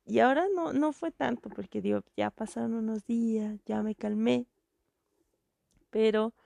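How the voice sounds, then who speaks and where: A woman with a Mexican accent, giving an animated, indignant casual monologue as a podcast host, with lots of fillers. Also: mid-range voice, creaky, no echo, studio quality. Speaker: podcast host reviewing a film.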